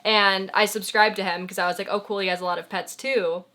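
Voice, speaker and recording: A young woman in the middle of her vocal range hosts a casual vlog. She talks chattily, filling her lines with "like", and her sentences often fade out softly. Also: mid-range voice, fairly even intonation, brisk. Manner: chatty, lots of "like", trailing off softly. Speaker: vlogger host. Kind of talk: casual chat.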